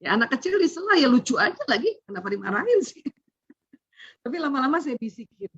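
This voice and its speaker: Lively woman giving a parenting seminar. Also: high-pitched, fairly quick, no room sound. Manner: animated, chatty, laughs often. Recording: dull lo-fi sound.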